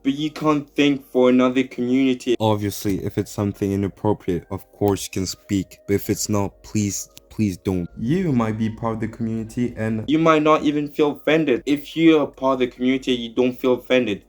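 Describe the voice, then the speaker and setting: A man's voice: mid-range voice, moderate pace, hardly any pauses, darkish tone, soft background music. A young man talking to camera in an earnest, opinionated way, rambling and restarting sentences as he argues his point. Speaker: YouTuber. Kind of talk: opinion commentary vlog.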